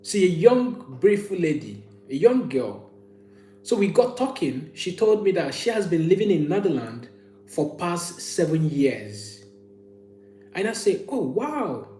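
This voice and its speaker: A man chats casually to a livestream, his voice fairly high for a man yet soft and mellow. He tells stories and gives opinions, circling back to repeat phrases for emphasis. The room rings with echo. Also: sing-song, measured pace. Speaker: livestream host. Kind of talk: casual live chat, sharing personal stories and opinions. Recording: echoey room with faint hum.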